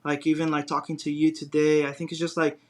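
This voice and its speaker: Speaking fast and in a monotone, this Brazilian guest's voice is fairly high in pitch. The design business owner talks casually in a Brazilian Portuguese accent, wandering through the interview with lots of fillers and restarts.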